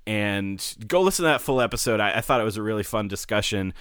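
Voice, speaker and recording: A man co-hosting a casual podcast, talking in a relaxed, rambling way and laughing easily, on a studio microphone. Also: lowish voice, fast, clean tone, no room sound. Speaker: podcast co-host.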